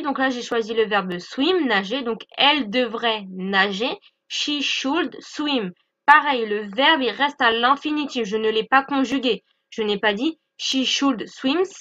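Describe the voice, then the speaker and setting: Bright high-voiced teacher. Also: female voice, lo-fi sound. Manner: patient, repeats "d'accord?" often. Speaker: English teacher. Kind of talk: explaining lesson over slides.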